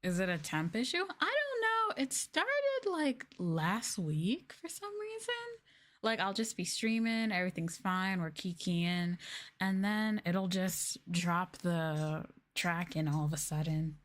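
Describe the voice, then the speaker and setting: With a fairly low, sing-song voice and a fairly bright tone, this woman takes her time as she talks. She's a VTuber livestreamer rambling softly and casually to viewers, informal and full of "like" and "y'all."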